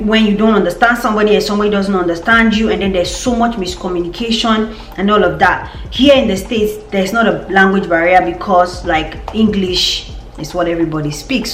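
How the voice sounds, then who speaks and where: A woman's voice: medium pitch, a bit bright, reverberant, a little hiss or hum. Chatty Nigerian woman vlogging. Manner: chatty, laughing often, repeats words. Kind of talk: casual vlog update.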